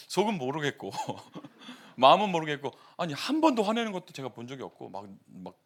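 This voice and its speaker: Male pastor, sermon, storytelling, hot-tempered, very lively pitch. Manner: animated, storytelling with laughs and asides; quick-tempered.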